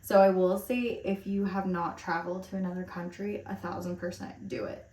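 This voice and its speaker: A woman's voice: fairly low pitch, steady tone, normal speed, warm tone. A woman in her thirties chatting casually while getting ready, rambling with lots of fillers, recorded at home. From Romania, raised in America. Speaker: lifestyle vlogger. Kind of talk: casual get-ready-with-me chat. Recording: roomy echo, mic at a distance.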